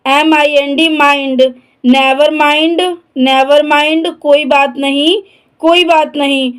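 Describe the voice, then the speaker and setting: Slow, high-voiced woman spelling words. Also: steady tone, fairly bright tone, rough recording. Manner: spells each word letter by letter, then repeats it twice. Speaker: English vocabulary teacher. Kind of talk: spelling and translating word lesson.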